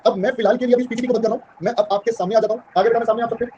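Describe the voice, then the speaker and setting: Fast-talking man teaching an online class. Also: very high-pitched, steady tone, mellow, highs cut off, slight background noise. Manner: keeps checking understanding, calls students "beta". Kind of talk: online class lecture mixing Hindi and English.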